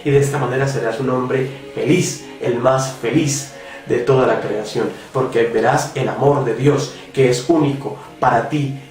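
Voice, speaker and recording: In a devotional reflection, a man speaks earnestly and puts direct questions to the listener. His mid-range voice is steady and darkish, moving at normal speed. He's off the mic in a roomy, echoing space with faint music behind him.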